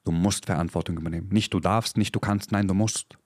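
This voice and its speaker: Brief: thirties male podcast host, low-pitched, fiery motivational preacher, dry close mic. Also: fairly even intonation, quick pace, darkish tone, dry recording. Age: 30s. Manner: intense, preachy, swears, drops English phrases. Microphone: podcast microphone.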